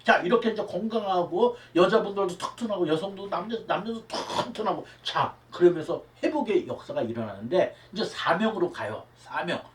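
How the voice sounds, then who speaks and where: Male pastor, lively swooping pitch, emphatic sermon, rhetorical questions, echoey hall, mic set back. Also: brisk, few pauses. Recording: roomy hall, mic at a distance.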